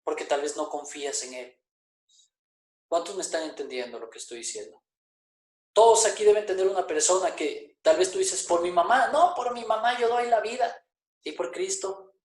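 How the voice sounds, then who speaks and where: A man's voice: sits high, animated, moderate pace, darkish tone, roomy sound. A man preaching a sermon as pastor, emphatic and firing rhetorical questions at his congregation in a church.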